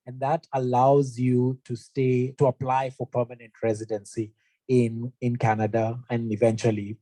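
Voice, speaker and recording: A young Kenyan man with a warm, medium-pitched voice gives an earnest, conversational talk to prospective students, using lots of fillers. He's a university representative presenting in a room that is also streamed online, and the audio has no room sound.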